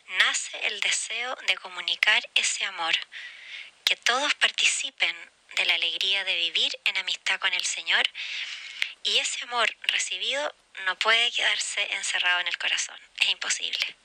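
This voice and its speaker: A woman giving an earnest spiritual reflection, often dropping into gentle whispered phrases. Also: medium pitch, normal speed, dry recording, low-quality recording.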